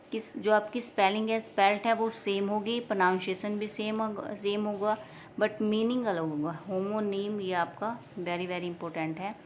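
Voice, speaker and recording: A woman with an Indian accent teaching an exam-prep lesson, who explains and repeats each point and reads English definitions aloud slowly. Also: medium pitch, slight background noise.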